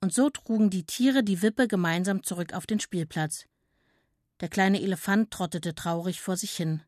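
A woman narrating a children's storybook in a gentle, clear and expressive way. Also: on the low side, no echo, studio quality.

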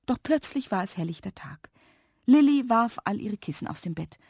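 A woman reading a children's storybook aloud in a lively, expressive way, sometimes dropping to soft whispers. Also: mid-range voice, moderate pace, gravelly, slightly rough, no room sound, studio quality.

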